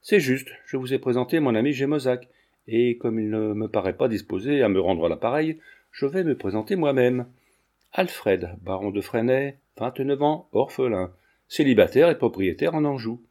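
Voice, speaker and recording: A man's voice: medium pitch, expressive, moderate pace, dark tone, close to an everyday voice. A man reading the part of a talkative, breezy young nobleman in an audiobook. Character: chatty young nobleman, lively and glib.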